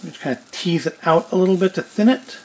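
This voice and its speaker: A middle-aged video host, warm-toned with a voice that sits high, talks fast as he offers casual cooking and food review commentary. His humour is dry and self-deprecating, and he films indoors at home on a kitchen and tabletop set.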